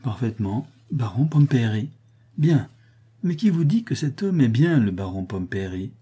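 A man's voice: medium pitch, very animated, moderate pace, dark tone, slightly rough. A man reading a lofty, logical detective. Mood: reasoning. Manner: lofty, didactic, reasoning aloud. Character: shrewd, precise male detective, coolly logical. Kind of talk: audiobook reading of a detective novel.

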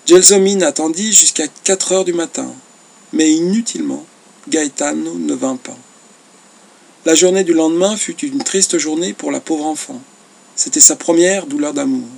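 A man reads a classic novel as an audiobook, measured and expressive, in a fairly high-pitched, creaky voice.

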